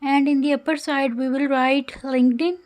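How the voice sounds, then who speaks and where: A woman's voice: sits high, steady tone, normal speed, darkish tone. A woman narrates a coding tutorial in a careful, instructional way, with phrasing. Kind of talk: scripted screen-recorded tutorial narration.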